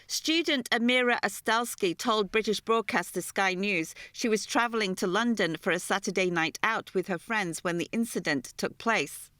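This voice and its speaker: A woman reads a news report voice-over in a smooth, crisp voice. The sound is dry and close, and her delivery is formal and steady. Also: medium pitch, moderate pace, hardly any pauses, dry recording.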